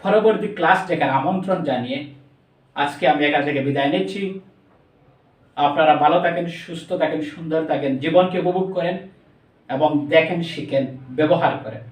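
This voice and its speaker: A man with a Bangladeshi accent teaching a spoken English lesson, slowly stretching out words and mixing English into his explanations. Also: a little high. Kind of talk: classroom lesson. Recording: echoey room, voice from a distance.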